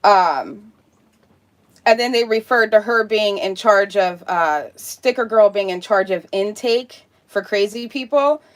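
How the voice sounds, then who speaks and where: A woman's voice: medium pitch, unhurried. A woman streamer talking casually, ranting in a heated, sarcastic and profane way.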